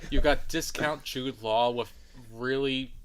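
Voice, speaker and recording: A man's voice: medium pitch, fairly even intonation, slow pace, a bit bright, clean tone. A man co-hosting a podcast who chats casually, offers opinions and swears now and then. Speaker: podcast co-host. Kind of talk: casual chat.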